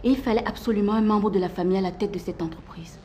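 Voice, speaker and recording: A woman's voice: medium pitch, dark tone, slight background noise, close to an everyday voice. A woman as a composed, formal new company boss. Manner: formal, measured. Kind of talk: comic soap-opera acting.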